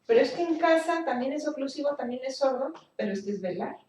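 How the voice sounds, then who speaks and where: A woman teaching a speech therapy class, explaining slowly and thinking aloud with fillers and restarts. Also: high-pitched, expressive, darkish tone, slight background noise. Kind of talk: recorded class lecture. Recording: echoey room, voice from a distance.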